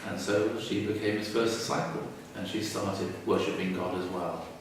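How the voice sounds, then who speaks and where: A man retells an ancient story in a relaxed, humorous teaching style. His voice is low and picked up from some distance. The room echoes strongly and faint ambient noise sits behind him. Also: moderate pace. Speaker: religious teacher. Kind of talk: storytelling lecture. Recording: echoey room, far from mic.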